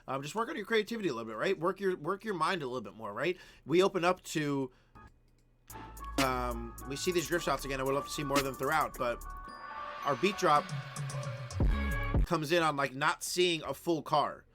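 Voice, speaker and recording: A man's voice: on the high side, lively intonation, moderate pace, long pauses, over music. Chatty male streamer giving video feedback. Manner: chatty, frequent "um" and "right?", coaching tone. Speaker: live stream host reviewing viewer videos. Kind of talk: casual live-stream commentary.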